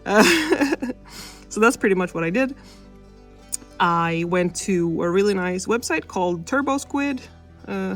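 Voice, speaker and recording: A woman's voice: lowish voice, gravelly. A woman narrating a devlog in an informal, self-deprecating way, recorded close under a blanket on an older camera's mic. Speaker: animation student vlogger. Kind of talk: casual devlog voice-over narration. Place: under a blanket indoors, processed in editing. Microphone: older camera used as mic. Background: music.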